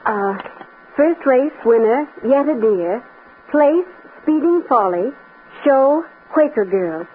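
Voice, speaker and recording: An actress playing a practical, persuasive young fiancée with an American accent in an old-time radio drama. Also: female voice, high voice, expressive, takes it slowly, phone-quality sound. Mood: coaxing, persuasive. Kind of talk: mid-century American radio drama acting. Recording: scratchy, band-limited old radio recording with noise.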